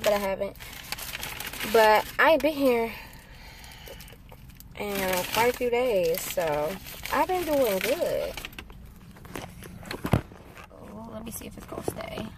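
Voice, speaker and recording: An American woman talks to her viewers in a folksy, slangy way as she eats. Her pace is slow and her pitch is mid-range for a woman, often broken up by chewing or a full mouth. The recording has clearly audible ambient noise behind her. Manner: talking while eating, mouth often full. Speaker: vlogger. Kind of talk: casual eating-show chat. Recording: clearly noisy ambient background.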